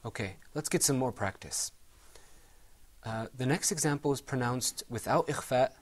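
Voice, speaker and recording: A man teaching Quran recitation rules to a small class, patiently modeling sounds and encouraging students. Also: mid-range voice. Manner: encouraging, drawn-out modeling of pronunciations.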